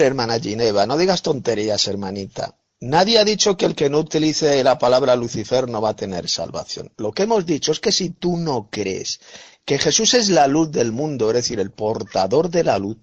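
Man in a debate, lively up and down voice, keeps pushing his question, muffled lo-fi sound. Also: medium pitch. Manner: insistent, repeats his questions. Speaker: religious debater. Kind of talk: online debate voice chat.

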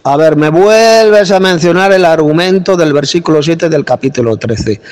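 A man from preaching in a forceful, scolding way, speaking with authority into a phone. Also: fairly high pitch, normal speed, in a large hall. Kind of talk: combative preaching monologue. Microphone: phone mic.

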